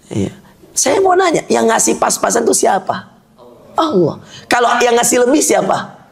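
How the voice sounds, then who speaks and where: A man's voice: very high voice, sing-song, moderate pace, creaky. A male preacher giving a sermon to a live audience, joking with the listeners, teasing them and quizzing them with questions.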